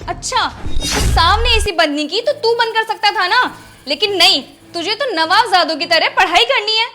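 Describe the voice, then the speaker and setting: A woman playing an arrogant rich lady who scolds her driver in a scripted skit, speaking in a sharp, scornful way. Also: lively intonation, moderate pace, soft background music, exaggerated voice. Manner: shrill scolding, later soft apology. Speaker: actor in a short moral skit. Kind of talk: scripted social skit acting.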